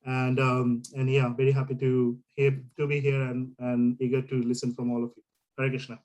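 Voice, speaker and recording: A man's voice: mid-range voice, monotone, moderate pace, darkish tone, low-quality recording. A man introducing himself in a video meeting in a cheerful, chatty way. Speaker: meeting participant. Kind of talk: self-introduction on a video call. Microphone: video call.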